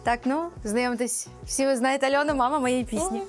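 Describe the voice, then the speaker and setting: A woman's voice: high voice, brisk. A woman vlogging casually from a music studio, chatty and self-mocking. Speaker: vlogger and singer. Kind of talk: casual self-filmed vlog.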